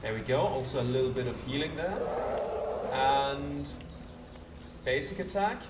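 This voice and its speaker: A man's voice: mid-range voice, expressive, unhurried, very noisy. A man hosting a let's play with casual commentary, thinking aloud and talking to the game's characters. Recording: roomy distant voice under loud game music.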